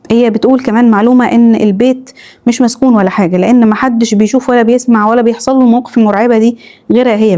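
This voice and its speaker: A woman with an Egyptian accent narrating horror stories in a quick first-person retelling. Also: fairly high pitch, dark tone. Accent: Egyptian Arabic. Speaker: storyteller reading followers' horror stories.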